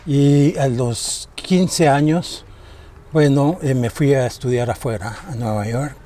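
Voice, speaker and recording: A man's voice: mid-range voice, takes it slowly, mellow, a little hiss or hum. An older man from El Salvador, a guest in an interview, answering thoughtfully with many fillers. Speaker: guest, photographer and filmmaker.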